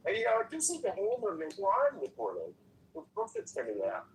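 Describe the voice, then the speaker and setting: This is a man speaking over a remote feed where his voice turns dull and muffled, as though it passes through a wall. He sits a little high for a man and well back from the mic, with a faint hiss of noise behind him. He talks in halting bursts, repeating himself as he asks if the sound is better. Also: wildly swooping pitch, distant mic. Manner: halting, with many restarts. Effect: muffled, as if heard through a wall. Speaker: political commentator. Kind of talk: casual panel talk.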